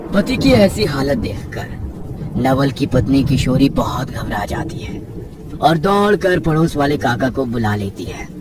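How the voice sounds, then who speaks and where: A man's voice: medium pitch, noisy background. A man narrating a scripted horror story in a dramatic storytelling manner. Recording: distant mic with loud music.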